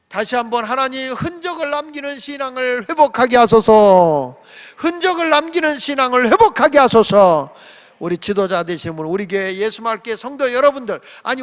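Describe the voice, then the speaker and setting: A man preaching a sermon as pastor, fervent and swinging from quiet talk to shouted exhortation. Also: sits high, in a large hall. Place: church sanctuary.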